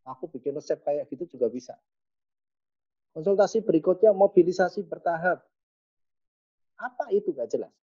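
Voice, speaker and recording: A man's voice: a little high, animated, moderate pace, long pauses, mellow. A man answers webinar questions as a pediatric physiotherapist. He explains step by step and slips in light jokes. The sound is dull and lo-fi, like online call audio. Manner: explanatory, joking, with a Javanese touch. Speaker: guest speaker, pediatric physiotherapist.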